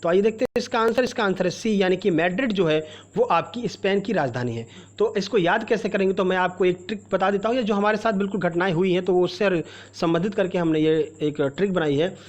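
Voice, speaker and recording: Pitched high and delivered fast with few pauses, this man's voice leads an exam-prep general-knowledge quiz lesson. He reads each question and its options aloud, then explains the answer to the viewer.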